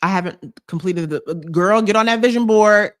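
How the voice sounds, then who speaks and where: A young YouTube creator from New Jersey in the United States chats on a live stream, reading comments aloud. Her mid-range voice moves at normal speed, and she emphatically repeats her advice.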